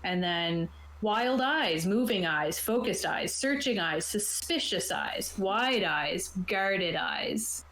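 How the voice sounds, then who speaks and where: Her mid-range, slightly bright voice is animated yet slow, with few pauses, as she casually explains tabletop game rules and reads from the rulebook. She's the game master on an online video call, speaking from an indoor room. The home recording is roomy and echoey.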